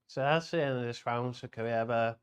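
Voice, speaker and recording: A man's voice: medium pitch, brisk, clear, resonant tone. A man working as a bingo caller at a live themed game, announcing each item in short, spaced-out calls.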